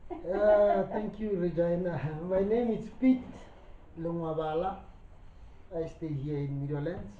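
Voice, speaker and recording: A man being interviewed at home, speaking slowly and hesitantly with many fillers, heard as old camcorder audio. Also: high voice. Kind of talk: casual interview talk. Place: indoors at his own home. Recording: lo-fi, distant, roomy camcorder sound with faint hiss.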